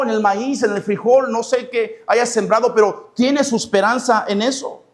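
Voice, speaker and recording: A male pastor preaching a sermon, animated, repeating words and voicing prayers aloud. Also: very high-pitched. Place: church sanctuary.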